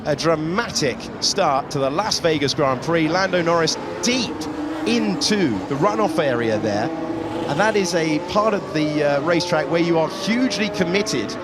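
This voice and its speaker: A man giving live motorsport race commentary with an excitable, dramatic delivery. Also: a little high, moderate pace, heavy background noise. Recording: engine roar and music behind. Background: race cars and broadcast music.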